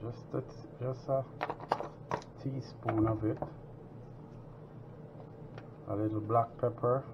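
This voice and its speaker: The host of this home cooking tutorial has a mid-range voice and an unhurried delivery. He chats in a relaxed way while working in his kitchen, and the lo-fi recording sounds dull, with kitchen noise audible.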